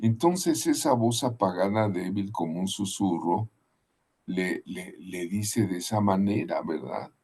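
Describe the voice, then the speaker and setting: A man giving a Bible class, unhurried and often adding tag questions. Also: sits low, expressive, a little mellow, slightly rough. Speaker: Bible teacher.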